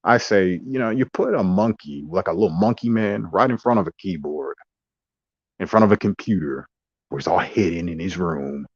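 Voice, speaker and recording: Man, very low voice, rambling casual monologue, dry close sound, muffled lo-fi. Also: expressive, normal speed, slightly rough, dry recording. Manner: rambling, wandering asides and mock voices. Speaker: vlogger.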